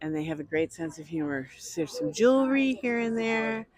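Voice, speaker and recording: A woman's voice: fairly low pitch, expressive, moderate pace, darkish tone, no echo. A woman walking through an outdoor art festival, narrating her vlog chattily and greeting people she passes. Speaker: vlogger.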